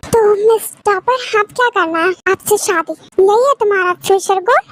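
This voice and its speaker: A woman's voice: very high-pitched, normal speed, loud music behind the voice. A woman voicing an arrogant young male professor who teases and boasts, in a fan drama voiceover. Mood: teasing. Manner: bossy, boastful.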